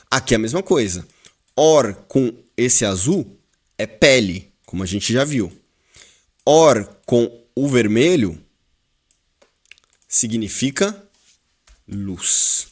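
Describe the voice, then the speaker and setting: Slow, lively-voiced Brazilian male teacher. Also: medium pitch. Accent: Brazilian Portuguese. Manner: explains slowly, repeats words, quizzes the class. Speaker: Hebrew teacher. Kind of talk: classroom lesson.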